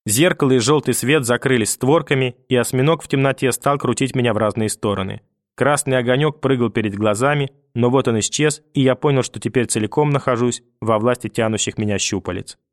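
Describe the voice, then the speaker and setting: A man reading a novel aloud as first-person narrator, steady and even. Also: mid-range voice, a little fast, no room sound, clean studio sound. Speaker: audiobook narrator. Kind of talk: scripted narration.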